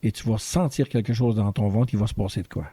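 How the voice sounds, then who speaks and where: A man with a Québécois accent, a guest in a casual interview, telling a story in an animated way and acting out the dialogue. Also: on the low side, quick pace, husky, dry recording. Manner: animated storyteller who acts out quoted dialogue. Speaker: guest singer-songwriter and voice teacher.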